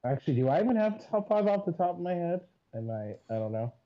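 A man's voice: sits high, big pitch swings, fast talker. A man guest on a podcast, talking in a hesitant, self-deprecating, apologetic way. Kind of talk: casual chat. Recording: dull lo-fi sound.

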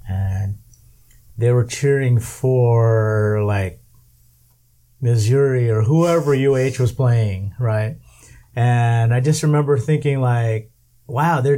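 A man's voice: medium pitch, dark tone, slight background noise. A man hosting a casual chat, asking questions and telling rambling stories, laughing often. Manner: laid-back, rambling storyteller who laughs often. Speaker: host.

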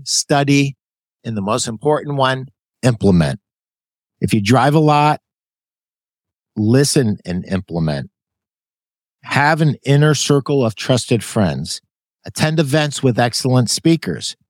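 Hosting his interview podcast, a Canadian man in his sixties reads aloud from a book he wrote, sprinkling in casual, folksy remarks and fixing his own slips. He has a mid-range voice, and the recording is dry.

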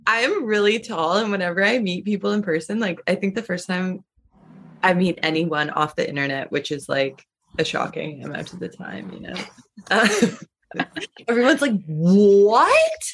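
A woman taking part in a podcast conversation. Her voice sits a little low. She speaks in a casual, chatty style. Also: normal speed, a bit bright, husky. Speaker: podcast panelist. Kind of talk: casual chat.

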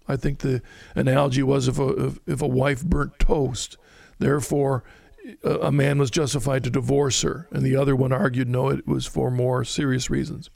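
Male bible teacher, slightly high gravelly voice, dry close sound, explains and reads verses aloud. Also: a little mellow, dry recording. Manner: explanatory, reads scripture aloud, stumbles over words at times. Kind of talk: conversational Bible study teaching.

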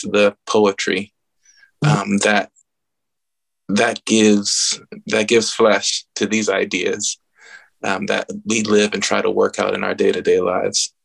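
With a fairly low, slightly bright voice and some vocal fry, a man from the Bahamas, a guest musician, talks casually at an event. His remarks are earnest and reflective, and he frequently pauses to find the right words.

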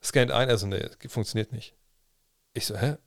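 A man's voice: mid-range voice, moderate pace, no echo, studio quality. A man in his thirties, telling a casual story on a livestream, chatty and full of slang and restarts. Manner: chatty, slangy, restarts and quoted self-talk. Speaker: livestream host.

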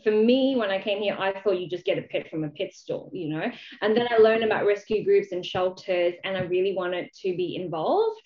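She barely pauses, speaking a little fast at medium pitch: a Malaysian charity founder giving an interview and casually recounting her experience, with "you know" coming up often. Audio quality is dull, with a roomy, echoing character.

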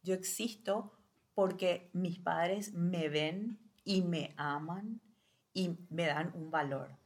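A woman's voice: on the low side, takes it slowly. A woman co-hosting a talk show, explaining parenting ideas through everyday examples and speaking straight to listeners. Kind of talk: conversational advice talk.

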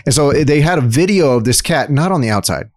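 Easygoing guy cohosting a podcast, average pitch, dry close sound. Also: animated, fairly quick, no echo. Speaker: podcast co-host. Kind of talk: casual chat.

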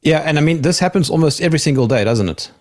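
A man's voice: on the high side, animated, very fast, a little mellow. A man hosting a conversational interview, feeling his way through questions with restarts. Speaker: podcast host.

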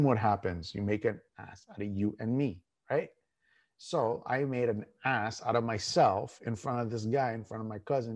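A man's voice: mid-range voice, darkish tone. Emphatic man giving a motivational talk. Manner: emphatic, with repeated phrases and dramatic slowed stresses; informal, candid, mildly crude. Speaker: fitness and mindset coach, show host. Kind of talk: motivational coaching talk to an online audience.

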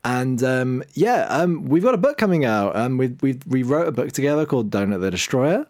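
Lively man narrating a game book. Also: medium pitch, a little fast. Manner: lively storyteller, slipping into hesitant filler-heavy asides. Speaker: game master and podcast co-host. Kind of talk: reading an adventure game book aloud to a player.

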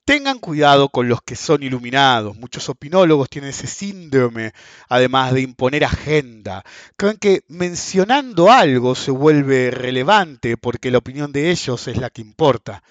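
A man's voice: medium pitch, animated, normal speed, no room sound. A man in his forties with an Argentine accent, ranting bluntly and sarcastically to his followers about markets, with plenty of swearing. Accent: Argentine Rioplatense Spanish. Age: 40s. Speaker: finance commentator. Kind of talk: casual rant to followers. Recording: dull, dry, lo-fi sound.

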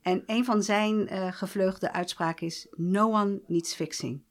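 A woman's voice: mid-range voice, steady tone, unhurried. A woman hosting a podcast interview, often affirming her guest and reflecting back what she hears. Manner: affirming, frequent agreeing interjections. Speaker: podcast host. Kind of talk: conversational interview.

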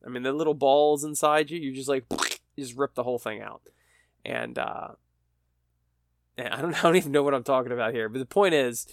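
On his own podcast, a man with a medium-pitched, gravelly voice rambles through a solo chat, tired and stuffy from a cold and poking fun at himself. The podcast microphone gives a clean, studio-quality tone with no room sound.

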